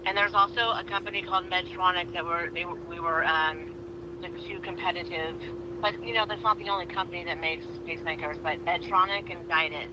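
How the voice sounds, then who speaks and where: Woman caller heard through a speakerphone, casual and hesitant, with clear noise on the line. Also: fairly low pitch, steady tone, fairly quick. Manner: hesitant, restarts and fillers. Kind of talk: casual call-in chat. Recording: noisy speakerphone call.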